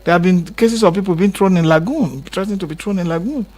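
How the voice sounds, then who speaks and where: A Nigerian man appears as a guest commentator in a radio interview, speaking in a high-pitched, fast, darkish voice. He's impassioned and repetitive, pushing harder as he stresses his points.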